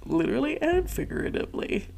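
A woman's voice: medium pitch, big pitch swings, normal speed, creaky, darkish tone, faint music behind. A woman podcast host retelling a folktale in a chatty, profane way, full of "like" and side remarks. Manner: profane, chatty, many likes and asides. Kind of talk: casual storytelling.

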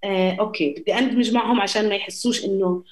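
A woman's voice: medium pitch, steady tone, rapid-fire, noisy background. A young woman with a Palestinian Arabic accent talks casually and personally as an interview guest. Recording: roomy echo.

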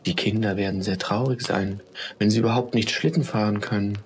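A man voicing the oldest snowflake, a gentle old woman, in a storybook tale, speaking softly and warmly. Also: fairly low pitch, steady tone, fairly quick, a little hiss or hum, lightly acted. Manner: soft, warm and half-whispered.

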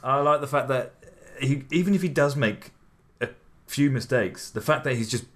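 A man talking through a film in casual podcast chat, measured with dry humour. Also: mid-range voice, fairly bright tone.

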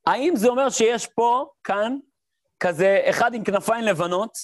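In a clean, echo-free studio recording, a man with a high-pitched voice teaches a class as a rabbi, delivering a Torah lesson. Stories come alive through his mimicked sounds and voices, and he keeps raising rhetorical questions that he then answers.

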